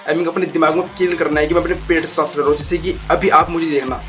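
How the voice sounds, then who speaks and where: A man's voice: fairly high pitch, steady tone, quick pace, a bit bright, faint music behind. A young man casually explaining voice training tips as a YouTube tutor, repeating points and mixing in English phrases. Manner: instructive, repetitive, mixes English phrases. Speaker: voice coach YouTuber.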